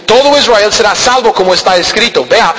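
A man preaching a sermon, animated, asking the congregation rhetorical questions and answering them himself. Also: high-pitched, a little fast. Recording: reverberant hall, faint background noise.

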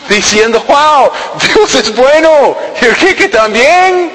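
Animated preacher man in a reverberant hall. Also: high voice. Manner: animated, rhetorical questions to the congregation. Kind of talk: sermon. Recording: reverberant hall, faint background noise.

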